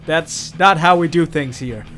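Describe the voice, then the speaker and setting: A man's voice: fairly high pitch, measured pace, fairly bright tone, soft background music. A man hosting a casual game review, talking in a blunt, profane and sarcastic way. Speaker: game reviewer, channel host.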